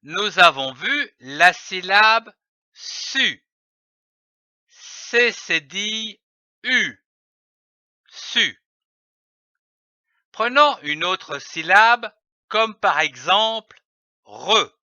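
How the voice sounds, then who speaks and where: A man's voice: sits high, animated, very slow, long pauses, bright, forceful tone, dry recording. A man teaching early reading, spelling out letters and syllables one by one with careful over-articulation. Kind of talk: slow didactic phonics lesson. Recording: dull lo-fi dry recording.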